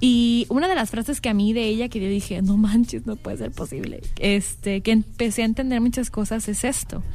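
A woman's voice: fairly high pitch, normal speed, a little mellow. A young woman with a Mexican accent, co-hosting a casual panel chat and thinking aloud with frequent fillers. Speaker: podcast co-host.

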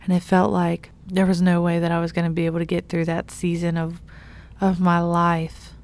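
A woman's voice: lowish voice, monotone, normal speed, a little mellow. A young adult woman youth pastor giving an earnest, encouraging devotional talk, laughing at herself now and then.

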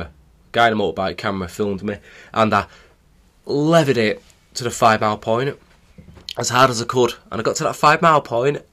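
Man in his thirties, cycling coach, tells podcast stories animatedly in a mid-range voice. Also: medium pitch. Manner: animated storytelling, acting out remembered exchanges. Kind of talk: solo podcast storytelling.

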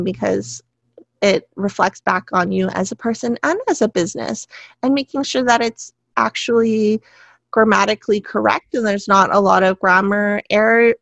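A woman's voice: mid-range voice, gravelly, fairly bright tone, no room sound, lo-fi sound. Woman podcast co-host, chatty, laughs a lot, dry close sound. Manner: giggly, chatty, quick asides. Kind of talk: casual podcast chat.

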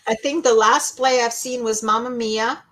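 A woman's voice: fairly high pitch, fairly even intonation, normal speed, fairly bright tone. Casting: middle-aged woman, co-host, tired and yawning, rambling easy chat. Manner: rambling, with many restarts and fillers. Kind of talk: casual chat.

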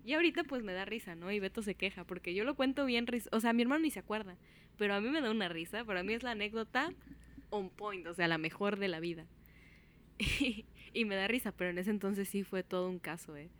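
A woman with a Mexican accent telling a childhood story in casual chat, acting out the voices of the people in it. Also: quick pace. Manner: animated, acts out quotes with big pitch jumps.

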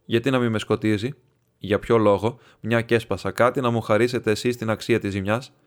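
A man's voice: on the low side, steady tone, natural voice. A man reading as a scornful proud nobleman. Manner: mocking and defiant. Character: proud scornful male nobleman making a bitter confession.

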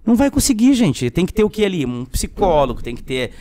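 A man in his forties with a southern Brazilian Portuguese accent, a podcast guest telling stories from his work in a frank, animated way. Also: sits high, a little fast. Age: 40s. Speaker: podcast guest, public defender. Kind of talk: casual storytelling.

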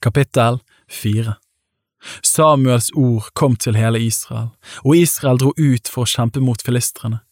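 Male scripture reader, measured delivery, dry close mic. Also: medium pitch, no room sound. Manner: measured, even-paced reading with lightly voiced quotes. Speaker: Bible reader. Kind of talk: scripture reading.

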